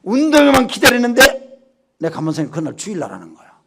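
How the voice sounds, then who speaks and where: A middle-aged man preaching a revival sermon in a church, telling a personal testimony with animated swings from loud exclamations to hushed asides. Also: very high voice, fast, gravelly, very noisy. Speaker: pastor. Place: church sanctuary.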